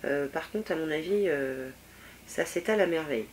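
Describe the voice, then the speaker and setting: Femme vloggeuse beauté, voix un peu grave, ton décontracté, plein d'hésitations, léger souffle de fond. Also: female voice, low-pitched, normal speed, darkish tone, a little hiss or hum. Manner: chatty, many fillers, swatching products on her hand. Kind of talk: casual makeup haul review.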